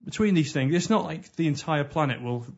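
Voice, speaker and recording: Male podcast co-host, husky and a touch high, dry quote-reader, lo-fi. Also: animated, a little fast. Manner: reads out quotes with dry asides. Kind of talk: casual comedic chat. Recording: muffled lo-fi podcast audio.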